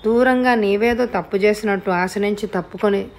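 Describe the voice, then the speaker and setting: A woman's voice: mid-range voice, normal speed, a little mellow, lightly acted. A woman narrator voicing a frank woman friend who urges and challenges. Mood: urging.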